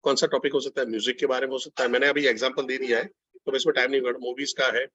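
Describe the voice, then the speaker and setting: A man's voice: medium pitch, little pitch movement, very fast, bright, forceful tone, breathy edge. A man running an online sales training session, coaching listeners directly and repeating key phrases.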